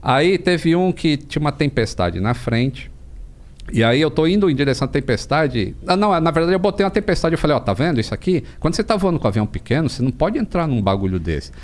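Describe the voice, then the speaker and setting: A Brazilian man as a podcast guest, telling stories in a casual, animated way, with plenty of slang and swearing. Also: fairly high pitch, quick pace. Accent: Brazilian Portuguese. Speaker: podcast guest, aviation creator. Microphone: studio podcast mic.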